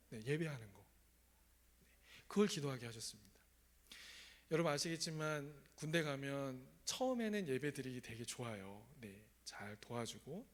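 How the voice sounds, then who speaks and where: Korean church pastor preaching conversationally. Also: male voice, a little high. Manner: asks the congregation questions, conversational. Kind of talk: sermon with personal testimony. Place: church sanctuary.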